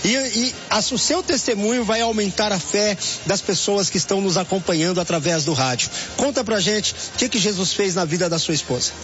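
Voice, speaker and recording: A man's voice: high-pitched, a little fast, few pauses, fairly bright tone. A man hosting a church radio program, fervent and preacherly as he invites a guest to testify. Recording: dull radio broadcast with faint music.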